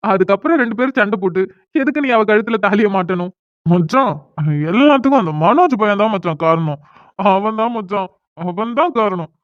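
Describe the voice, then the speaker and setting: A woman's voice: medium pitch, lively intonation, brisk, no echo, lightly acted. Whiny young cartoon guy, a woman doing him, thin phone-like sound, dry room. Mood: upset. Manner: complaining, self-pitying, pleading. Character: young man, newly and unwillingly married, whiny. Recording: dry, tinny phone-like audio.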